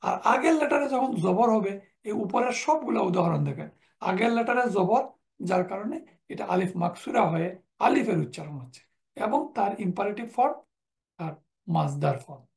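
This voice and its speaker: A man's voice: sits high, lively intonation, moderate pace, creaky. A man teaching Quranic Arabic in a recorded lecture, reciting verb forms one after another and quoting Quran verses in between.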